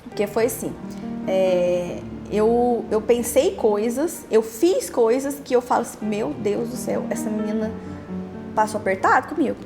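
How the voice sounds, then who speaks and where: A young Brazilian woman telling her own story in a halting way, repeating words and trailing off. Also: fairly high pitch, lively intonation, music in the background. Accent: Brazilian Portuguese. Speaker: podcast host interviewed as guest. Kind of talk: emotional personal testimony.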